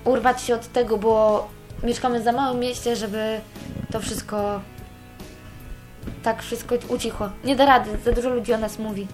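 A woman's voice: fairly high pitch, flat delivery, moderate pace, a little mellow, faint music behind. A young woman giving a candid personal account, cursing freely as she talks. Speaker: interviewee.

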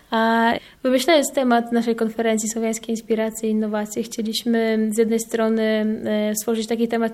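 A woman's voice: a little high, a little mellow. A young woman in her twenties answering interview questions as a conference organizer, hesitant and full of filler sounds.

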